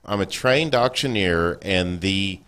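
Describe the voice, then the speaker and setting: Low-voiced joking producer man. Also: lively intonation, slow pace, fairly bright tone. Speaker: control booth producer. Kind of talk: casual banter from off mic.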